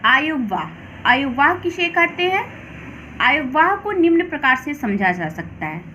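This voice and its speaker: A woman teacher with a Hindi accent, slowly and deliberately explaining grammar to children. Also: high-pitched, big pitch swings, sharp tone, a little hiss or hum. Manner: slow, deliberate, addresses children. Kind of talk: grammar lesson read aloud.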